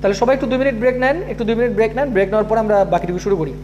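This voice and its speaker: A man's voice: high voice, racing, highs cut off, noisy background. A man teaching an English grammar class, repeating each rule and often checking that students follow. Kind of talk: live online class.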